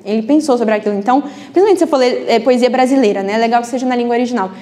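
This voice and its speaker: A woman's voice: fairly high pitch, rapid-fire, warm tone. A woman teaching a live book club class in a chatty way, often adding tag questions. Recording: reverberant classroom.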